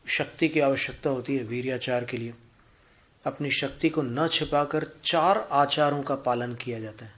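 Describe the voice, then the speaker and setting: A man giving a Jain religious discourse, teaching in a measured way and explaining points through anecdotes and examples. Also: mid-range voice. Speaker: Jain preacher.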